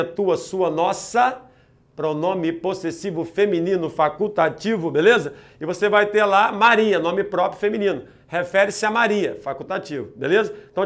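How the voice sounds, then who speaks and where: A male grammar teacher drives through an exam-prep lesson in a high, bright-pitched voice. He talks with punchy energy and checks in with his students after nearly every point. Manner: energetic, peppers talk with quick check-ins to students. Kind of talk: lively exam-prep lecture.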